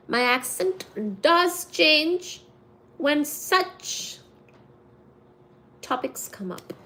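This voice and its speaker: A woman in her thirties from India livestreams from a home room with cat shelves, chatting casually with her viewers. Her very high-pitched voice turns giggly and quickly excited as she reads the chat.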